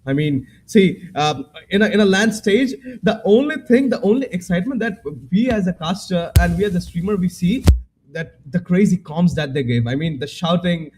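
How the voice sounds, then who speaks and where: A man gives post-match esports analysis in a high voice. He talks hesitantly, circling back with plenty of fillers and restarts. A faint hiss of noise runs under his headset mic. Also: animated, moderate pace. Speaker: esports caster.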